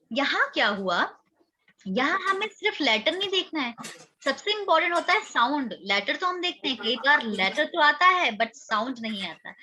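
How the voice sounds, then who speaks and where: A woman's voice: sits high, pushed and bright. A woman teaching an English grammar lesson, questioning her students and repeating their answers.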